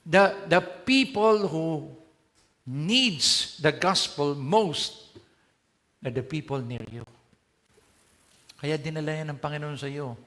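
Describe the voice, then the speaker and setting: A man's voice: a little high, takes it slowly, long pauses, a bit bright. A man with a Filipino accent preaching a sermon, moving between Tagalog and English and putting questions to his congregation. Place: church hall. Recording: long church hall reverb.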